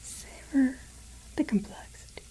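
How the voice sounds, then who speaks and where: A woman playing a haughty, menacing, ageless vampire lady of a castle in a whispered ASMR roleplay, with deliberate, imperious delivery. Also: warm tone, close to an everyday voice, poor audio. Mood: menacing, condescending.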